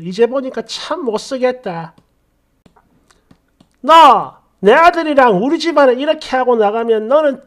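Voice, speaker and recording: A man doing a proud, stern middle-aged mother-in-law who talks down and scolds, her voice pitched up high and rising in sharp, clipped bursts as she lays down the law. a storybook figure read aloud, bossy and cold. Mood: scornful. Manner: scolding, haughty.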